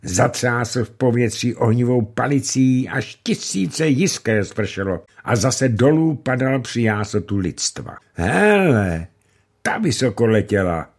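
A man narrating a classic novel as an audiobook, reading expressively with pitch that rises and falls. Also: animated, hardly any pauses, a little mellow, breathy edge.

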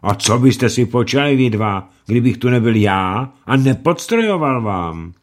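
A fat, fussy cook with a voice pitched well above the reader's own, as a man puts him on for an audiobook. He grumbles and protests in lively, swooping indignation. He stays tender-hearted under the bluster. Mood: indignant grumbling. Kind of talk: audiobook character reading.

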